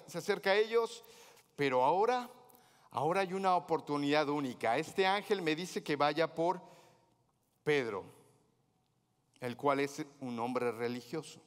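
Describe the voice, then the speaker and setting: A man preaching as a pastor, telling a story with humor and acting out the dialogue of its characters. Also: high-pitched. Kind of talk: sermon. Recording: hall reverb.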